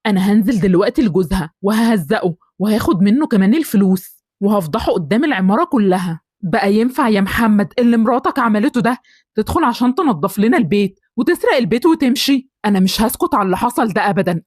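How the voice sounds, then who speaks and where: A woman with an Egyptian accent voicing an angry middle-aged man who is a bullying neighbor in an animated story, scornful and threatening. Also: medium pitch, breathy edge, no room sound, clean studio sound. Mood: furious. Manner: shouting threats, fast and scornful.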